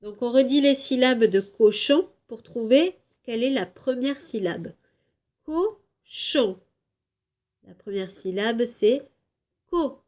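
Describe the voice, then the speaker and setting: Slow, patient kindergarten teacher, woman. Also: fairly high pitch, darkish tone, dull audio. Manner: slow, clear syllable-by-syllable teaching; drawn-out, emphatic words for children. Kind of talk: home lesson for young children.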